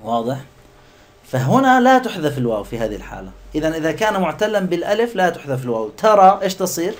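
Male grammar teacher, slightly high voice, patient explainer, quizzes the class often and drags out example words. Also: sing-song. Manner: patient, explanatory, quizzes students with repeated questions; stretches out example words slowly.

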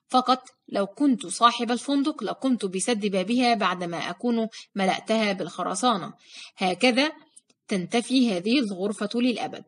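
A woman reading a first-person story aloud in a steady, even-paced manner. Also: mid-range voice. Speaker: narrator. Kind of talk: audiobook story narration.

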